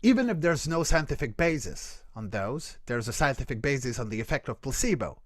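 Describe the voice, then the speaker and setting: Very animated and fairly quick, this medium-pitched male voice is recorded cleanly in a studio setting with no echo. The speaker, a voice coach and creature performer, earnestly explains his casual Q&A answers on a video call, repeatedly restarting and self-correcting.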